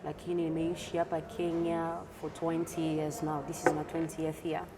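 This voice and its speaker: A middle-aged Congolese woman answers questions as a guest in a conversational interview, moving between languages. She speaks low and monotone at a moderate pace, over clearly noisy background ambience.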